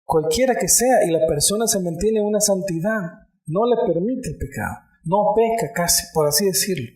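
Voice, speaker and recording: A man's voice: high voice, normal speed, mellow, roomy sound. A male pastor preaching a sermon, calling "amén" often and speaking straight to the congregation. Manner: preaching with frequent "amén" and direct address to the congregation.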